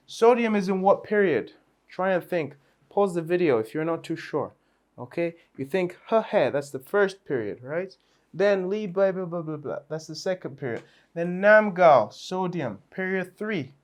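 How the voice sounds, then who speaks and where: A man teaching a chemistry revision lesson in a playful, chatty way, with asides and small laughs. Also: fairly high pitch.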